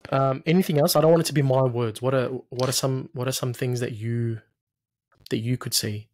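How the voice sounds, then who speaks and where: A man's voice: medium pitch, steady tone, brisk, a little mellow, no room sound, clean studio sound. A man in his thirties coaching someone through a therapy session with patient, encouraging questions. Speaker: hypnotherapist, coach. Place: small room, video call.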